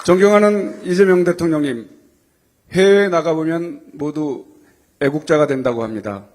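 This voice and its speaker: A man's voice: a little high, normal speed, a little mellow. A man delivering a formal prepared welcome address as a community association president, in an earnest, deferential and ceremonial manner.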